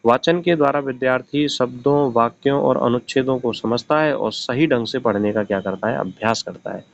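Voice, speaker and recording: A man's voice: mid-range voice, moderate pace, vocal fry, no room sound. A man teaching an exam-prep lesson. He poses a question, answers it himself, and restates each point in simpler words. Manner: explains each point, then asks and answers his own questions. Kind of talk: recorded classroom-style lecture. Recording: slightly dull, lo-fi audio.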